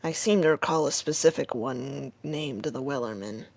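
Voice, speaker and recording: A woman's voice: very deep voice, normal speed, creaky, darkish tone, dry recording. A woman playing a tabletop role-play game in character, a little prim and questioning.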